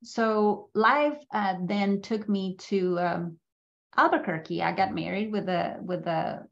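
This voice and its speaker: Talking slowly in a creaky, mid-range voice, a middle-aged woman from Mexico City is heard with the high frequencies cut off. She is a guest speaker at a business school giving a conversational slide talk about her life via video call from an indoor room, regularly checking in with her listeners.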